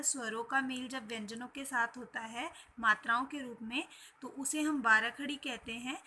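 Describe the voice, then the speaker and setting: Lady teacher, slow and careful, says every syllable twice for kids. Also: high voice, sharp tone. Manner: slow, repeats each syllable clearly for children. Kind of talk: classroom lesson on Hindi letters.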